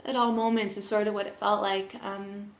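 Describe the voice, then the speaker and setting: A woman's voice: mid-range voice, level tone, normal speed. Pensive woman reflecting in an echoey room. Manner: pensive, searching for words with trailing thoughts; candid, earnest, emotionally open. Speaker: personal development vlogger sharing their own journey. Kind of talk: reflective personal vlog monologue.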